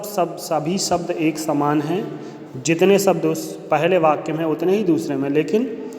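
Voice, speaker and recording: A male Hindi teacher giving a grammar lesson to children, explaining slowly and repeating key points. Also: on the high side, a little mellow, a little hiss or hum. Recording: echoey room with long reverb, faint ambience.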